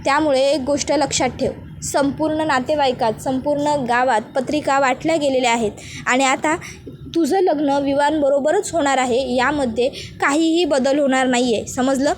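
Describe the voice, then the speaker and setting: Strict angry dad, read out by a woman, high voice, scolding. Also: fairly even intonation, normal speed, slight background noise, close to an everyday voice. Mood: stern. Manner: commanding, scolding. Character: stern middle-aged father, strict about family honour.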